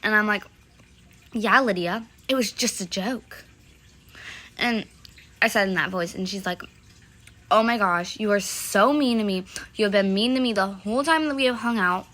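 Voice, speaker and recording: A woman's voice: mid-range voice, a little fast, a bit bright. A young woman telling a casual storytime, rambling with lots of fillers and loosely quoting the others. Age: young adult.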